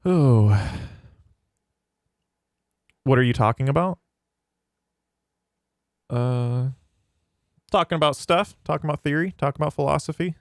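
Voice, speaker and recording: A man's voice: on the high side, a little slow, pauses often, no echo, studio quality. A man hosting his own livestream, thinking aloud as he answers questions from the live chat. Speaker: channel host reading live chat. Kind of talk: casual livestream talk.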